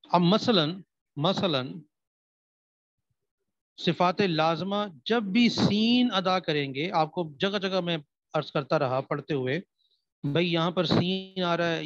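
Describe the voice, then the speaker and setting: A man's voice: on the high side, a bit bright, dry recording. Man teaching a recitation class. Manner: repeats questions and answers them, checks understanding. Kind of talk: classroom lesson with questions to students. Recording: dry, slightly dull sound.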